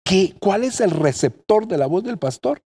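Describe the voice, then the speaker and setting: A man's voice: sits high, animated, moderate pace, dark tone, slightly rough. A middle-aged man preaching a sermon from home as a pastor, earnest and addressing his listeners directly.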